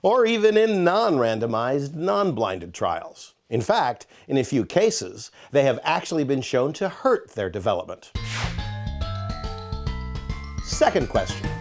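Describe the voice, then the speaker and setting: A man's voice: mid-range voice, big pitch swings, a little slow, few pauses, soft background music. A man narrating an educational parenting quiz, reading multiple-choice questions with playful emphasis. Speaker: author and narrator.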